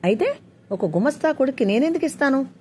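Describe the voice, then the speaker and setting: A woman's voice: sits high, sing-song, quick pace, darkish tone, a little hiss or hum, voice pushed up. A woman voicing an arrogant rich father who talks harshly and with contempt over the phone in a spoken story. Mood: contemptuous.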